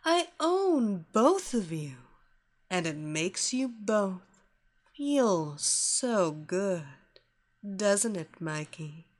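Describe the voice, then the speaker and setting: A woman voicing a commanding, seductive female hypnotist who draws her listener into her power with a slow, soothing, repetitive cadence. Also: mid-range voice, very animated. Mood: hypnotic, commanding. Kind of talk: hypnosis story reading.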